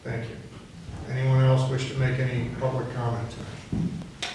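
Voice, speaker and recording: Give me a measured man chairing a hearing. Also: medium pitch, monotone. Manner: measured, formal, deliberate. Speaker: presiding officer of the board. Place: township meeting room. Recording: echoey hall from far off with clear noise.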